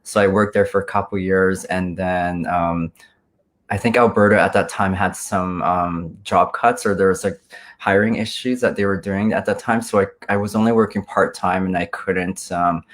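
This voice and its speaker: A man's voice: low-pitched, fairly even intonation, moderate pace. A man in his forties, a guest on a video-call interview, talking casually with many ums and restarts. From Canada. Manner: hesitant, many ums and self-corrections.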